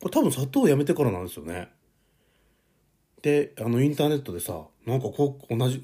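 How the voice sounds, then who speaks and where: A man's voice: fairly low pitch, warm tone, breathy edge. A man in his forties hosting a solo podcast, chatting in a loose, easygoing, self-deprecating way about his own life. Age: 40s. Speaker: podcast host. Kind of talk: rambling solo podcast chat.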